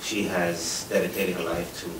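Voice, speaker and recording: A man with a very low voice speaks earnestly and off the cuff on a panel. He is heard from a distance in a roomy hall, with clear background noise behind him. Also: level tone, normal speed. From Guatemala, raised in New York. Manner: earnest, loose and spontaneous. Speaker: forensic anthropologist panelist. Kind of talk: panel discussion. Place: lecture hall.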